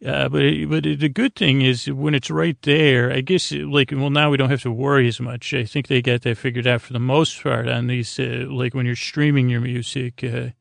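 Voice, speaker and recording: An American man's creaky, gravelly voice carries a bedtime sleep podcast at medium pitch with flat delivery and no echo. He talks in a roundabout, stop-start way, trailing off and then coming back to earlier points.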